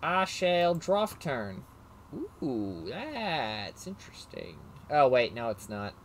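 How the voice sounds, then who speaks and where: A man talks through a card game match as he plays, casual and rambling. He mocks himself and often loses his train of thought. His pitch swoops widely, up and down, as he goes. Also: big pitch swings, slow pace, a bit bright, slight background noise. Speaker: card game player and commentator.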